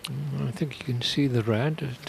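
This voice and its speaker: A man giving conversational live snooker commentary in an informal, unhurried manner. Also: mid-range voice, vocal fry, a little mellow, a little hiss or hum.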